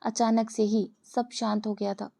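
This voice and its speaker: A woman narrating a dramatic audio story in a steady storytelling manner. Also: mid-range voice, measured pace, gravelly.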